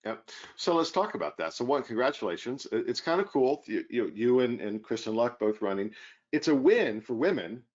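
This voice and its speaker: A man's voice: medium pitch, sing-song, moderate pace, darkish tone, muffled recording. A man hosting an interview series, friendly and casual, often restarting his phrases. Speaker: interview host.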